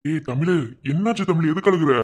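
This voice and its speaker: A man voicing a caring older brother who scolds gently, with a Madurai Tamil accent. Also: on the high side, fairly quick, slightly rough. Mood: concerned. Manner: scolding yet caring, village speech.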